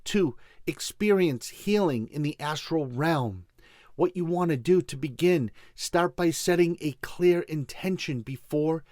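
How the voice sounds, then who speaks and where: Male host, Boston accent, slightly high voice, folksy motivational delivery on spiritual subjects, close dry sound. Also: unhurried, a little mellow, no echo. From Boston, USA. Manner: folksy, addresses listeners directly. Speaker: show host. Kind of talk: motivational spiritual talk show monologue.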